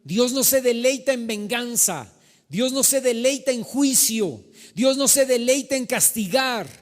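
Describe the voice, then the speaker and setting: Middle-aged man, pastor, sermon; high voice, fervent and emphatic, long hall reverb. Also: unhurried. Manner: preaching with fervent emphasis, then a softer storytelling tone. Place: church hall.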